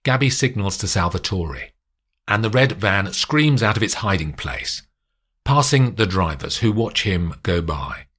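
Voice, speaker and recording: Low-voiced male storyteller. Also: a little slow, breathy edge. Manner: steady, descriptive storytelling. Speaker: narrator. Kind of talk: scripted audiobook narration.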